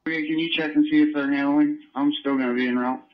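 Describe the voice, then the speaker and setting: A man's voice: on the high side, steady tone, fast talker. A man talking in terse, clipped radio traffic over a police radio transmission, rattling off call numbers. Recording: dull lo-fi police scanner audio.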